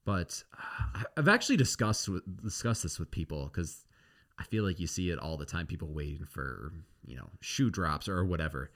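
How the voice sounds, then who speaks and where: Deep-voiced wry podcast co-host. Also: male voice, moderate pace. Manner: relaxed, wry, short replies. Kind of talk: casual sports chat.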